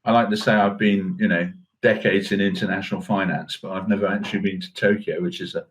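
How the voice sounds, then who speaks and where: A middle-aged man with a deep voice talks fast in a level tone. He co-hosts a current affairs podcast, musing through casual discussion in an understated, conversational way.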